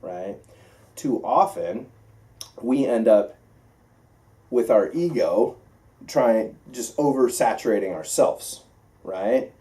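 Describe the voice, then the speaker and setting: An American flight instructor with a mid-range, dark voice and lively intonation takes it slowly, leaving long pauses. He teaches pilots in an informal classroom talk, making emphatic points and checking in with questions often, recorded on a distant mic.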